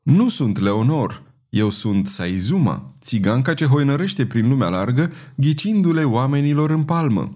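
A man voicing a troubled woman fortune-teller who has lost her memory, speaking in a slow, murmuring, dazed way in an audiobook reading. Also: mid-range voice, animated, a little mellow, pitched above the performer's own voice, close to an everyday voice. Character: wild-hearted madwoman, a wandering fortune-teller.

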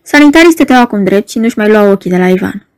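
A woman narrating a novel in a steady, scripted audiobook reading. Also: mid-range voice.

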